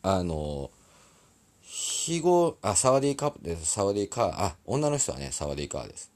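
This man has a low, sing-song, slightly mellow voice and talks quickly in an Osaka accent. He's a musician streaming live from a recording studio, chatting loosely, rambling, apologizing, and laughing a lot.

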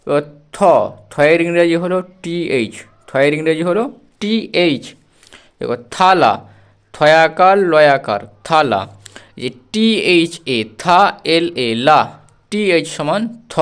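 A man teaching a spelling lesson, slowly repeating and spelling out words letter by letter. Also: fairly high pitch. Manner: slow, repetitive drilling, spells words out letter by letter.

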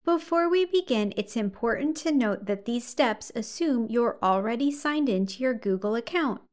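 Calm woman giving a software tutorial. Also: fairly high pitch, no room sound, clean studio sound. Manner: calm, measured, step-by-step instruction. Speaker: tutorial host.

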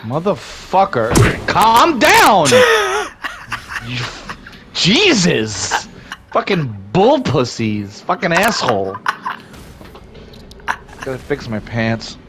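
A man playing a video game who rages out loud, yelling profanity at the screen and then laughing at himself. His pitch swings wildly from low grumbles to high shouts, and he talks slowly and drawn out between bursts. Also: huge pitch swings, noisy background. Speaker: game streamer. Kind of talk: casual gaming chat.

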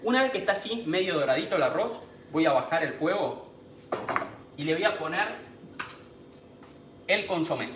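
A man's voice: a little high, echoey room, background noise. Chatty Rioplatense man cooking live. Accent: Rioplatense Spanish. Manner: chatty, greets viewers by name, speaks as he cooks. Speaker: cooking channel host. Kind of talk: live-streamed cooking demonstration. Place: small home kitchen.

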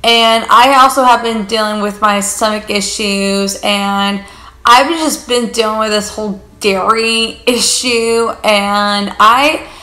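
A woman's voice: mid-range voice, fairly even intonation, slow, bright, forceful tone, reverberant. A young woman talking to camera in a casual vlog, rambling chattily and filling her talk with "like" and "you guys". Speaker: vlogger. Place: living room on a leather couch.

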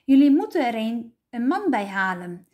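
A woman's voice: fairly high pitch, very animated, normal speed, darkish tone. A woman reading aloud, voicing a modest young boy who speaks hesitantly and sincerely. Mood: earnest.

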